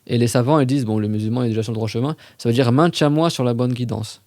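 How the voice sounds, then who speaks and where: A man giving a casual religious lesson on a podcast, talking conversationally and reciting Arabic verses slowly and carefully. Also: mid-range voice, a little mellow, dry recording, studio quality.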